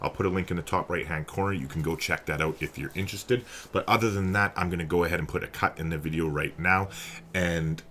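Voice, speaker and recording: A man's voice: low-pitched, fast talker, fairly bright tone. A man giving casual, enthusiastic strategy game commentary, chatty and swearing freely.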